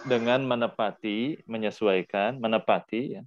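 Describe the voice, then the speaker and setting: A man's voice: on the low side, moderate pace, lo-fi sound. A man teaching Arabic in an online class, patiently repeating words for his students to drill.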